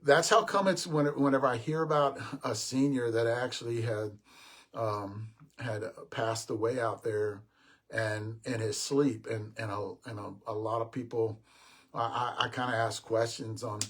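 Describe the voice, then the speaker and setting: A man's voice: medium pitch, steady tone, measured pace, a bit bright. An older man hosting a casual live stream, telling a long rambling story with restarts and talking to his viewers as guys. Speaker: host.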